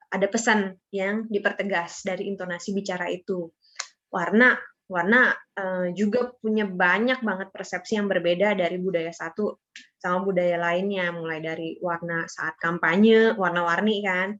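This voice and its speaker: A woman's voice: medium pitch, fairly bright tone, highs cut off. A young adult woman presenting a student assignment in a casual, chatty way, with lots of fillers. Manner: chatty, with many fillers and tag words.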